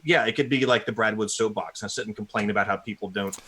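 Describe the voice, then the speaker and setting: A man's voice: lowish voice, fast talker, pushed and bright, husky. A man co-hosting a casual tech podcast, ranting animatedly with a self-mocking streak. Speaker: podcast co-host.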